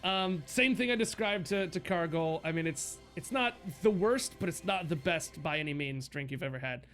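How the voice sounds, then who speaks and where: A man narrating as game master of a tabletop game, halting often with fillers and restarts. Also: fairly high pitch, a bit bright, soft background music.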